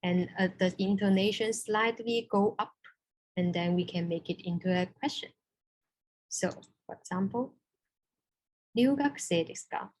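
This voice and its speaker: A woman's voice: medium pitch, steady tone, normal speed. A woman teaching a beginner language lesson, patiently explaining step by step and repeating each example phrase.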